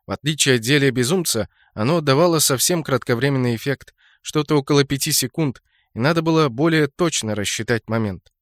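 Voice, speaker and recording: A man narrating a fantasy game novel in a steady storytelling voice, lifting it sharply for shouted lines. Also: mid-range voice, brisk, dry recording, studio quality. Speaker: audiobook narrator.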